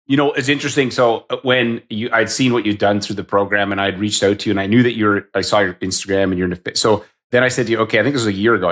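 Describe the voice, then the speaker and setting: Host, man in his 50s, lower pitch, brisk rambling delivery. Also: fairly bright tone. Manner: chatty, self-deprecating, rambling questions. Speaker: podcast host. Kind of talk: casual interview.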